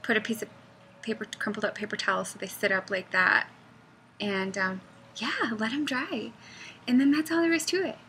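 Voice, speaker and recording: Chatty, bright-voiced woman crafter. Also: medium pitch, moderate pace, a little hiss or hum, low-quality recording. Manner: rambling, chatty, goes off on tangents; animated, laughs often. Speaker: knitting pattern designer. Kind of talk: casual craft tutorial.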